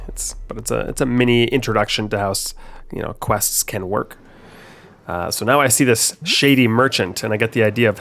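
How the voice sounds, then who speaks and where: This young developer plays and explains the game he created, sounding stuffed up with a head cold and relying on frequent ums and uhs. His voice is on the low side, creaky, yet fairly bright.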